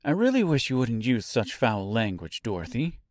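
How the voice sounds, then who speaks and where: A man voicing a kind, middle-aged aunt in an audiobook, speaking softly. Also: medium pitch, big pitch swings, normal speed, dry recording, clean studio sound, natural voice. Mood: gentle. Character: gentle caring aunt, middle-aged woman. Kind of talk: audiobook character voice.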